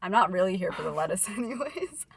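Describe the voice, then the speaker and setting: A woman's voice: medium pitch, expressive, fast, creaky, slight background noise. A young woman from Canada co-hosting a casual vlog, joking and laughing often. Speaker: vlog co-host. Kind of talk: casual chat.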